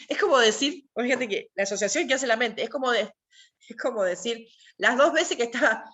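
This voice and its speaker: A woman's voice: a little high, fairly bright tone. A woman with an Argentine accent teaching an online class, explaining with emphatic repetitions and rhetorical questions. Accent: Argentine Spanish. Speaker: workshop teacher.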